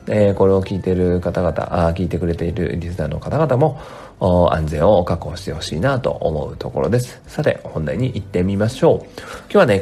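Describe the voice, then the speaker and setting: A man's voice: sits low, dark tone. A male tax accountant hosting his own podcast from his home work room, talking in a chatty, rambling way with lots of fillers, his voice dry and strained in the morning. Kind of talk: casual solo podcast talk. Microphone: home studio mic.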